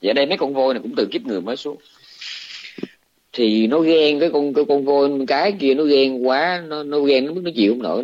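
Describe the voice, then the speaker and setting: A man with a Southern Vietnamese accent, a Buddhist monk giving a dharma talk, retelling a scripture story in a colloquial, animated way. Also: mid-range voice. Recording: dull lo-fi recording.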